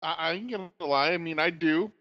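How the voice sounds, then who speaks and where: Halting man on a dull, reverberant line. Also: on the high side. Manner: halting, repeats words as he starts. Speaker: podcast guest. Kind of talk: casual podcast chat. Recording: dull lo-fi sound with long reverb.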